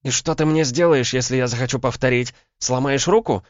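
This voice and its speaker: A fiery young woman with a sharp, scornful tongue, pitched far up and loud, as a male reader puts her on. She sounds dry and a little dull on the recording. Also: a little fast, no echo, close to an everyday voice. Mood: furious. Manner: sharp, scornful, shrill when shouting. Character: fiery young woman, proud and quick to anger.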